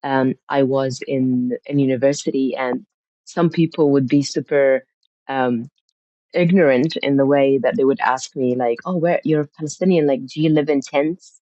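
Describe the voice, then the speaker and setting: In a conversational podcast interview, a Syrian woman thoughtfully recounts her family's history, frequently starting over mid-thought. Her voice is a mellow bass, steady in tone and moderate in pace. The recording is lo-fi and muffled but free of echo.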